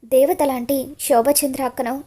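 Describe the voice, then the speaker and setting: A woman's voice: high-pitched, fairly even intonation, moderate pace, warm tone, close to an everyday voice. A woman voicing a scheming wife who pleads and pretends to cry. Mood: pleading. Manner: pleading, fake tearful.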